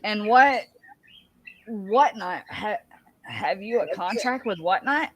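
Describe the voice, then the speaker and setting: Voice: mid-range voice, expressive, slow, a bit bright, no room sound, low-quality recording. A person voicing a persistent lawyer putting pointed questions in a dramatic reading of a deposition. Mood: insistent.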